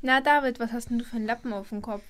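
A woman's voice: on the high side, fairly even intonation, rapid-fire, a bit bright, natural voice. A woman playing a mean, taunting schoolgirl bully in an amateur audio drama.

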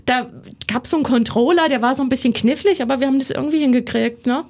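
A woman's voice: high-pitched, fast talker, a little mellow, a little hiss or hum. A woman hosting a casual radio interview in an informal, enthusiastic, colloquial way. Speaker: radio host.

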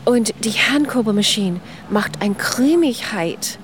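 A woman's voice: medium pitch, expressive, slow, slight background noise. Woman explaining ice cream history. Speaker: ice cream expert guest. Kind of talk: radio interview.

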